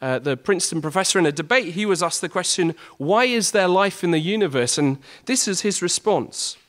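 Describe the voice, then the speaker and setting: A young man gives a prepared talk to his fellow students, sounding earnest and building his points through rhetorical questions. His voice sits high and is animated, fairly quick and fairly bright.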